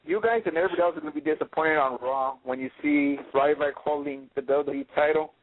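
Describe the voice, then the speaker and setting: A man's voice: a little high, quick pace, a little hiss or hum. A man calling into a radio show, defensive and stammering as he argues. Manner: defensive, stammering when pressed. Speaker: caller. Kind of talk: call-in radio opinion. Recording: tinny phone line.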